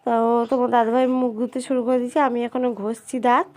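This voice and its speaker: A young woman with a cold, her voice hoarse and heavy, narrates her day to viewers in a casual vlog. She speaks softly and a little downcast, and her pitch sits high. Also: level tone, fast talker. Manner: soft, subdued voice addressing viewers. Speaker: vlogger.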